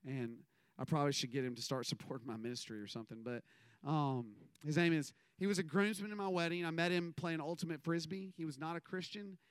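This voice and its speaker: A man's voice: on the high side, a little fast, clear, resonant tone, no room sound. Rambling man preaching. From American South. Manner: rambling storytelling with self-deprecating asides. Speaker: minister. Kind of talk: casual conversational sermon.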